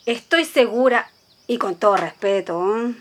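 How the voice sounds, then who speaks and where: An actress playing a chatty, gossiping housemaid in a radio drama, giggly and eager to tell the news. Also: female voice, a little high, expressive, measured pace, husky. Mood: gossipy. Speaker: maid.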